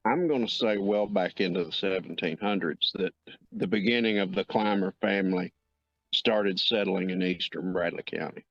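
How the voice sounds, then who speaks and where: A man interviewed outdoors about his family history, talking in a plain, unhurried storytelling way. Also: sits low, fairly bright tone, no echo. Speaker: interviewee, local resident. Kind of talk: casual recollection in interview. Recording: dull, dry field recording.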